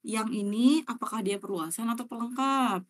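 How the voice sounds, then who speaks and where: A woman's voice: fairly high pitch, normal speed. A young woman, teaching a live online class in a chatty, slangy way and checking often whether students understand. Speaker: online exam-prep tutor.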